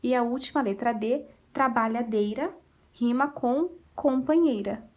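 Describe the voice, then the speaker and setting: A woman's voice: a little high, unhurried, lo-fi sound. A woman with a Brazilian Portuguese accent, a primary school teacher going over exercises in a recorded remote lesson, patiently asking and answering her own questions.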